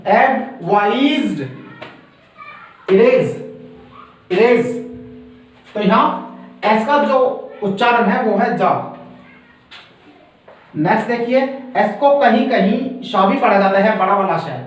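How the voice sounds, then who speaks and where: A man from India teaching English pronunciation at a board, slow and repetitive, checking that his students follow. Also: high-pitched. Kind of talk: classroom lesson explaining at a board. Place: classroom with a board. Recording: roomy echo, far from the mic.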